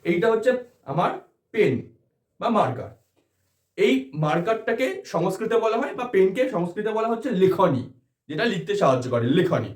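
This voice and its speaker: A man with a Bengali accent gives an exam-prep philosophy lecture, his fairly high voice rising and falling a lot. He explains step by step and keeps checking that students follow. The sound has a noticeable room echo. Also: big pitch swings, moderate pace. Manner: explanatory, asks rhetorical check questions. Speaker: philosophy tutor.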